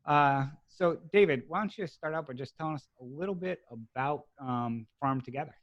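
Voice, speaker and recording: A man's voice: a little high, normal speed, dry recording, highs cut off. A man with a Boston accent from Massachusetts, hosting a podcast interview in a chatty, rambling way with many fillers. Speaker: podcast host. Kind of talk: casual interview.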